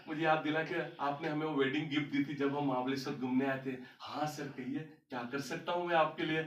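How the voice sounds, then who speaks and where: A man's voice: fairly high pitch, a bit bright, far from the mic, muffled recording, a little hiss or hum. A man telling a story about his life to an audience as a motivational speaker, recorded in a large hall. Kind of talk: storytelling talk on stage.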